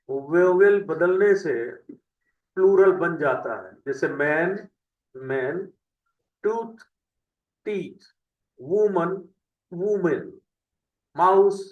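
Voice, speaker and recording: A man teaching English, reading word lists aloud slowly and deliberately, word by word. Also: high voice. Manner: slow deliberate word-by-word dictation. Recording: echoey lo-fi room audio, mic at a distance.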